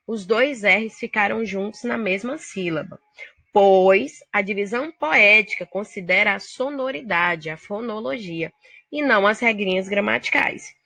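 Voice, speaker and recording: Bright-voiced Brazilian woman teaching literature. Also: mid-range voice, dry recording. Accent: Brazilian Portuguese. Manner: explaining step by step, addressing students directly. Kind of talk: recorded video lesson.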